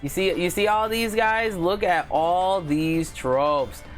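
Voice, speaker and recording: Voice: mid-range voice, takes it slowly, faint music behind. Host of a book channel; casual, filler-heavy live chat, gushing and giggly. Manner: chatty, filler-heavy, keeps addressing viewers as guys.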